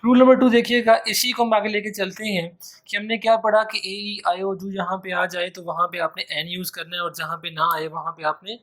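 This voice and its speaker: A man's voice: sits high, flat delivery, normal speed, pushed and bright. A man giving an exam-prep grammar lecture, repeating key phrases and stretching out his example words. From Pakistan. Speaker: English teacher.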